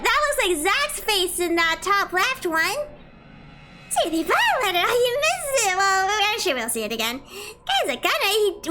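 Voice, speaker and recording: A woman streamer reading a game's narration aloud and breaking off into excited, swearing reactions. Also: very high-pitched. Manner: reads narration, then bursts into swearing and laughing reactions.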